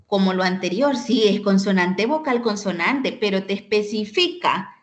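A woman teaching an online English lesson, explaining slowly and patiently and often checking in with "ok?". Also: mid-range voice, animated. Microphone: computer mic on a video call.

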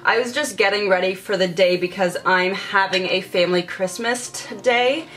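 A young woman chats casually in her bedroom while putting on makeup, a get-ready-with-me style vlog. She talks at a normal speed in a medium-pitched, fairly bright voice, stuttering with sound repetitions and blocks.

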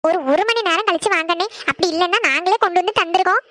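Woman voicing a firm, high-voiced village auntie. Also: fast talker, bright, forceful tone, dry recording, studio quality. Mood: negotiating. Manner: firm, scolding, negotiating. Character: concerned older village woman, a relative. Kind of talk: cartoon voice acting.

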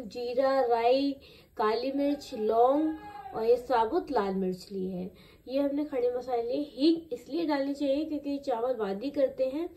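A woman's voice: sits high, warm tone. A woman cooking in her home kitchen, chatting step by step as she explains a recipe to the phone camera. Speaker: cooking vlogger. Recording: noisy home phone recording.

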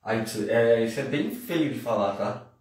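A man's voice: medium pitch, animated, measured pace, darkish tone. A man giving a casual, slangy, jokey Japanese lesson on a live stream. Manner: chatty, slangy, jokey explanations. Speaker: Japanese teacher. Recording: very echoey room, distant mic.

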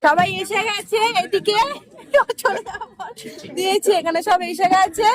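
A woman's voice: extremely high pitch, steady tone, normal speed. A middle-aged woman, giving a chatty, casual vlog commentary into a phone held at arm's length, first beside a bus and then on it. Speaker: vlogger. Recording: loud crowd chatter behind.

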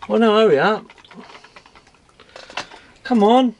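A man's voice: high-pitched, takes it slowly, a little mellow. Man bantering over a toy unboxing. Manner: bossy, teasing banter. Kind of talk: casual unboxing chat. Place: indoors at a table. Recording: noisy home camera recording.

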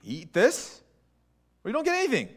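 A man preaching a sermon in a conversational, animated way, with quick restarts and acted asides. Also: extremely high pitch, husky. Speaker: pastor.

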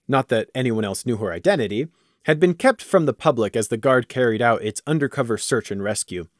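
A man reading a fan audiobook aloud, expressive, trailing quiet at sentence ends. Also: mid-range voice, no room sound, studio quality. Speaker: audiobook narrator.

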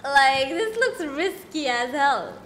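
High, lively giggly woman streamer. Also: takes it slowly, a little hiss or hum. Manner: giggly, chatty, talking to viewers. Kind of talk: casual live-stream gaming chat.

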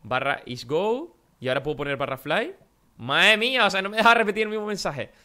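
A young man from chatting excitedly and joking while playing Minecraft with a friend. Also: high-pitched, a little fast. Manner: excitable, joking, shouts during jumps. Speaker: gaming channel host. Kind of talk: excited Minecraft let's play chat.

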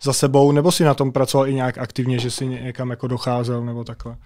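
Man, podcast host, mid-pitched voice, relaxed probing questions, casual chat.

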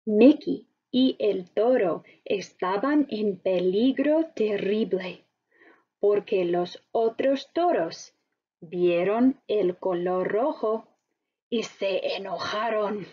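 Very slow, expressive woman teacher. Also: mid-range voice, breathy edge, dull audio. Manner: very slow, deliberate, expressive storytelling. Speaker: language teacher. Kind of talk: slow story narration for learners.

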